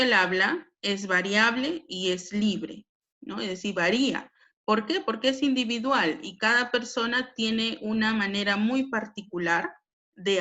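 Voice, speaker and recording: Bright-voiced Peruvian woman teaching. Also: mid-range voice. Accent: Peruvian Spanish. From Peru. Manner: explanatory, frequent tag questions. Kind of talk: classroom lesson on language.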